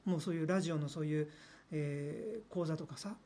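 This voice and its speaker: A man's voice: fairly high pitch, brisk, mellow. A man working as a radio personality, chatting casually and animatedly in a studio, often laughing and imitating voices.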